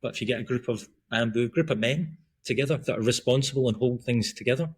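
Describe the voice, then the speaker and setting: Fast and mid-range with a breathy edge, this voice belongs to a middle-aged man from Glasgow, Scotland, guesting on a podcast as a breath work and running coach. He's chatty and rambling, full of ums and restarts, in an easygoing casual conversation.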